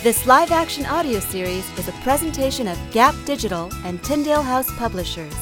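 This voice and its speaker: A woman's voice: high-pitched, lively intonation, brisk, over music. A woman reading a scripted closing announcement as an announcer.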